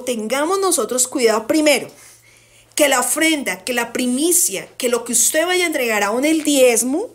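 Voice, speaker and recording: Woman, Bible study teacher, high voice, emphatic, questions to the group. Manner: asks the group questions and repeats answers; emphatic, slows down on key words. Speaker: congregation teacher.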